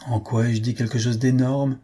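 A man's voice: mid-range voice, flat delivery, normal speed, warm tone, breathy edge, close to an everyday voice. Man voicing a prim, touchy little marquise. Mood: indignant. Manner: prim, indignant.

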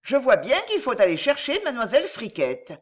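A woman voicing a wise older fairy woman who speaks sternly and deliberately in a storybook. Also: on the high side, huge pitch swings, husky, pitched above the performer's own voice, exaggerated voice. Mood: gentle.

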